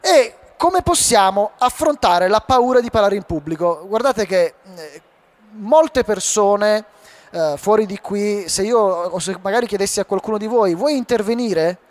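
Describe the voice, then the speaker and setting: Guy coaching a crowd on public speaking live, fairly high voice, keeps throwing questions at them. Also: a little slow. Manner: animated, rhetorical questions to the audience. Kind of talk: live talk to an audience. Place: hall before a live audience.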